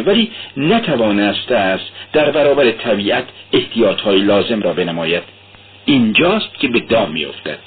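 A man's voice: mid-range voice, slightly rough. A man voicing a sly, talkative police investigator who lectures and then fusses anxiously. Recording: tinny lo-fi radio recording.

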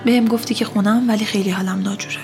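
A woman's voice: mid-range voice, fairly even intonation, gravelly, over music, lightly acted. A woman voicing a middle-aged mother who insists firmly on what she remembers. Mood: insistent. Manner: firm, insistent.

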